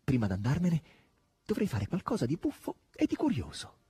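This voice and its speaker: A man's voice: fairly high pitch, wildly swooping pitch, normal speed, warm tone, slightly rough, no room sound, pitched above the performer's own voice, exaggerated voice. A man voicing an impassioned young woman turned witch, who exclaims exultantly in a raised voice.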